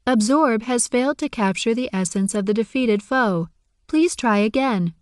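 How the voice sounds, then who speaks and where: A woman's voice: a little high, moderate pace, no echo, studio quality, lightly acted. A woman voicing a formal game system announcer that reads out stats and quests in an audiobook. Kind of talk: audiobook narration.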